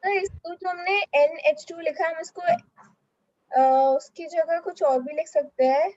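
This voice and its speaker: A woman's voice: extremely high pitch, fairly even intonation, slow, a little mellow, dry recording, dull audio. A woman student asking questions in an online chemistry class.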